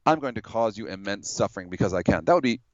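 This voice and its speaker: A man debating religion in a measured, explanatory way, building his case with hypothetical examples. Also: on the low side, lively intonation, no echo, lo-fi sound.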